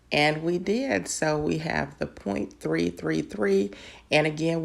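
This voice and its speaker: A woman's voice: sits low, creaky. A woman patiently explaining math step by step in an online lesson. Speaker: math teacher.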